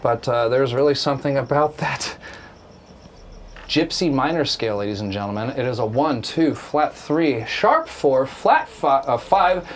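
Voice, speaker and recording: A man hosting a casual guitar show, explaining music theory in an excitable, joking, rambling way. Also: mid-range voice, measured pace, a little hiss or hum. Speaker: host. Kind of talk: casual chat and guitar lesson.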